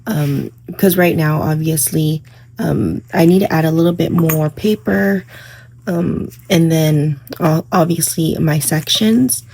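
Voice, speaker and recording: A woman vlogging casually about her planner from home, her voice hoarse in the morning, rambling with many fillers. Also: low-pitched, slow pace, mellow, a little hiss or hum. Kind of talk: casual crafting vlog. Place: home, indoors.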